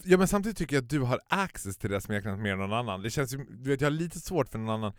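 A man, telling an animated story in a casual podcast chat and mixing in English phrases. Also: medium pitch, dry recording, clean studio sound. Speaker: podcast co-host.

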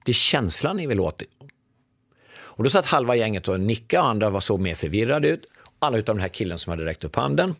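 A man's voice: lowish voice, husky, no room sound. A middle-aged man, a guest on a conversational show, telling a story and acting out the dialogue in it. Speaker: podcast guest.

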